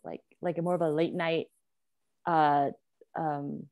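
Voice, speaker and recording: A woman's voice: low-pitched, flat delivery, slow pace, darkish tone, dry recording, clean studio sound. A young woman, a podcast guest, chatting casually with many hesitations and laughs. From United States.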